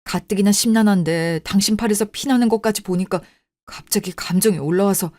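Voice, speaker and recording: A woman's voice: medium pitch, a little fast, a little mellow, no room sound, clean studio sound, natural voice. A woman voicing a weary middle-aged husband, worn down by caring for his mother, in a radio drama. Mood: pained. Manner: pleading, then venting frustration. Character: middle-aged husband, patient son, tired and strained. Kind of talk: Korean radio drama acting.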